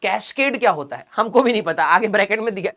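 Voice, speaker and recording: Bright-voiced joking physics teacher. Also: male voice, sits high, expressive, fast. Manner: joking, chatty, teasing students. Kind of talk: casual live class lecture.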